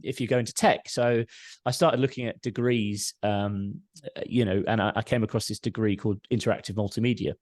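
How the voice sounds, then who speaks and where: A man with a Home Counties accent from the south of England talks in a low, closely recorded voice with very little room sound. He is chatty and informal, wandering through his answers like a relaxed podcast guest. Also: no echo, studio quality. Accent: southern English, Home Counties. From Surrey, southern England. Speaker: podcast guest, tech and audio entrepreneur. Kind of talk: casual interview chat.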